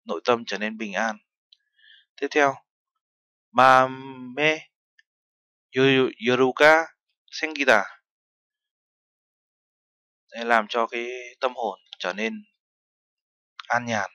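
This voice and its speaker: A man's voice: lowish voice, fairly even intonation, measured pace, long pauses, sharp tone, no room sound, dull audio. A man teaching a language lesson, explaining terms step by step and mixing in foreign words. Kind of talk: lesson narration.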